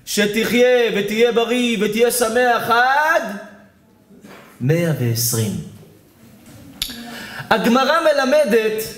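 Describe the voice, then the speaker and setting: A male rabbi giving a sermon at a community evening, animated, firing questions at the audience and calling on listeners by name. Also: very high voice. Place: lecture hall at a community evening. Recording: echoey hall.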